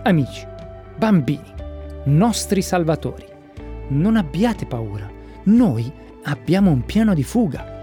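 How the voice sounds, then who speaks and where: Narrator playing a calm, reassuring storybook doctor, lively tone, mellow voice. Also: mid-range voice, measured pace, long pauses, faint music behind. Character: kindly eccentric male doctor, former professor.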